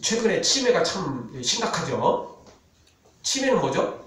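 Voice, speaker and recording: A male pastor preaching a sermon with animated delivery, dropping to a solemn tone for scripture. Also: high-pitched, unhurried. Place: church sanctuary. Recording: echoey church hall, mic from a distance.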